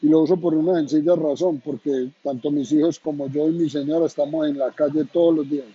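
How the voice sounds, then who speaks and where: A middle-aged Colombian man speaks to his viewers in a husky, very dark voice. His pitch stays flat as he talks in an earnest, measured way, pausing often and hesitating. The recording sounds dull and lo-fi. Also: no room sound. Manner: measured and earnest, with drawn-out pauses and hesitant fillers. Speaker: host. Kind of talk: casual talk to viewers.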